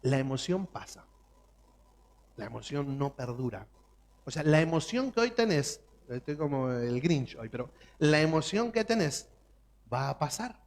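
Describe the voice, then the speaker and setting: A man's voice: fairly high pitch, big pitch swings, unhurried. A man preaching a sermon as pastor, emphatic and full of rhetorical questions.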